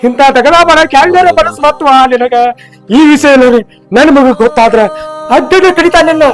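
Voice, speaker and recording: A man's voice: high voice, a little fast, soft background music, lightly acted. A man playing a stern old village father-in-law with a North Karnataka accent, scolding and then lecturing. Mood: angry scolding. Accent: North Karnataka Kannada. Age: older. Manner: scolding then forgiving, preachy. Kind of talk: village comedy-drama acting.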